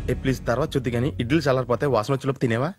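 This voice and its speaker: A man's voice: mid-range voice, steady tone, racing, over loud music, natural voice. An actor playing a cheeky young man in a film comedy, teasing and cracking jokes at others. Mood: wisecracking. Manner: teasing, wisecracking, laughs at others. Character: cheeky young man, quick-witted and mocking. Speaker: cheeky nephew and job seeker.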